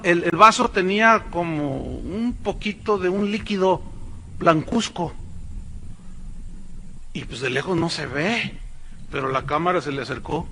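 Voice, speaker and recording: A man's voice: high-pitched, sharp tone, a little hiss or hum. A man pastor preaching a conversational, emphatic sermon, often addressing the listeners as brothers.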